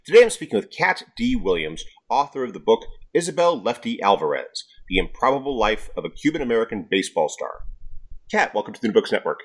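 A man's voice: fairly low pitch, very animated, fast talker, husky. A man hosting a podcast, introducing his guest and asking questions, repeating words as he goes. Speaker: podcast host. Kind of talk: podcast interview.

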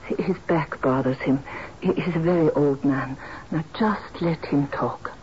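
An actress playing an anxious, evasive daughter in a drama, speaking with guarded urgency. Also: female voice, deep voice, measured pace, darkish tone, muffled recording, slight background noise. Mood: guarded, careful. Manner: urgent, pleading. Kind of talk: screen drama acting.

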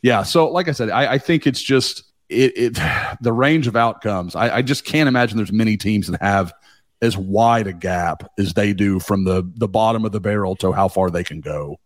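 A man guesting on a sports podcast, talking in a rambling, animated way and swearing casually. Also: on the low side, moderate pace, no echo, studio quality. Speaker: guest, team beat writer.

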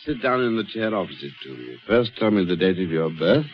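An actor playing a police inspector who poses as a fortune teller, speaking in an ominous, stilted way in old radio style. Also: male voice, sits low, very animated, fairly quick, a little hiss or hum. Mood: mysterious, formal. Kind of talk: 1940s radio acting. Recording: dull old radio recording.

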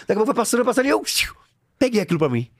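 A man with a Brazilian Portuguese accent, a coach chatting on a podcast, animated and slangy, acting out little scenes. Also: high-pitched, very fast. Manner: animated, acts out scenes with shouted quotes, slangy. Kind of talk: casual podcast conversation.

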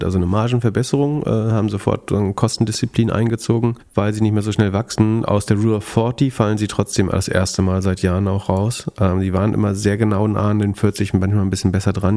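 A man's voice: fairly low pitch, creaky, warm tone. A man hosting a podcast, chatting casually and analytically about finance, often thinking aloud hesitantly.

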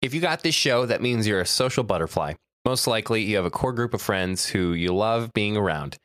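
A man's voice: on the low side, animated, brisk, a bit bright, dry recording, studio quality. A man hosting a casual chat, reading out quiz questions with a playful manner and frequent laughs. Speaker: host.

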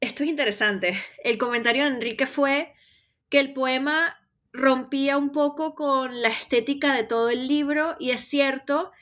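A young woman from Venezuela, a poet, talks about her work in a reflective and hesitant way, often stopping to restart. Her voice sits high. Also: fairly even intonation, moderate pace, fairly bright tone. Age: young adult. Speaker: poet, interview guest. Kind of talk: casual interview talk.

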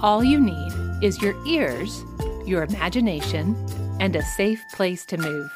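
A woman leading an imaginative movement lesson for young children, gently encouraging with simple instructions and pauses. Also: lowish voice, lively intonation, music in the background. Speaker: children's movement and mindfulness guide.

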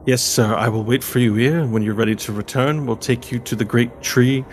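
A man voicing a polite, earnest elf chauffeur in a tabletop game, speaking formally and haltingly. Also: mid-range voice, fairly even intonation, a little hiss or hum, close to an everyday voice. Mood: dutiful, polite. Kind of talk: tabletop role-play.

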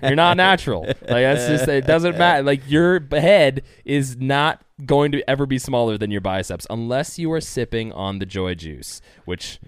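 A man co-hosting a podcast in casual chat, joking and talking in quick bursts. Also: medium pitch, clear, resonant tone, no room sound, studio quality. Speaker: podcast co-host.

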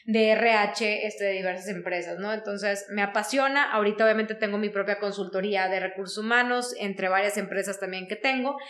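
A woman from Mexico, a human resources consultant telling her life story in an interview, animated and full of fillers. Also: medium pitch, a little fast, hardly any pauses, echoey room. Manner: animated, frequent fillers like "o sea" and "¿no?". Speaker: guest, HR consultant.

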